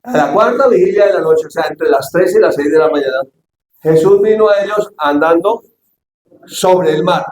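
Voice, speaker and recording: A man preaching a sermon as pastor, acting out Bible scenes and shouting for emphasis. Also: a little high, moderate pace. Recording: echoey church hall, faint ambience.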